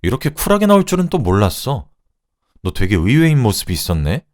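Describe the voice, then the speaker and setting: A man's voice: huge pitch swings, fairly quick. A man voicing a smug, sarcastic mistress with a raised, sneering voice. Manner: sneering, sarcastic, shrill when angry. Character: smug, sneering mistress who turns shrill.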